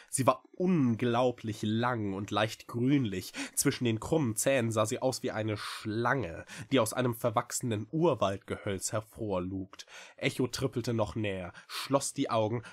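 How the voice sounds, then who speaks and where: A man reading a novel aloud in an expressive, theatrical narrating style. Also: medium pitch. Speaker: storybook reader.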